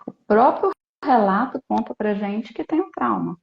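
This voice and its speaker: A woman therapist, a guest in a live online interview, explaining her clinic work in a calm, steady way. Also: on the high side, unhurried, gravelly. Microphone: video call. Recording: dull, echoey video call audio.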